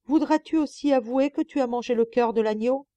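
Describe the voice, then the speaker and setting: Woman doing a calm saintly old man. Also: on the high side, dry recording, voice pushed up, natural voice. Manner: calm, measured.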